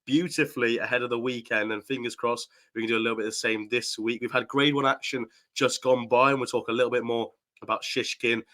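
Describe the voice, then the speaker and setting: A man's voice: mid-range voice, steady tone, fast talker, hardly any pauses, bright, forceful tone. A man hosting a casual horse racing preview chat, upbeat and teasing with his co-hosts. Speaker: host of a horse racing tips show.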